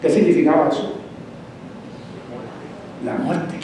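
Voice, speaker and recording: High-voiced pastor in an echoey church. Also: male voice, fairly even intonation, slow, warm tone, distant mic, slight background noise. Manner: asks the congregation rhetorical questions; repeats words for emphasis. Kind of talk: evangelistic sermon. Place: church sanctuary.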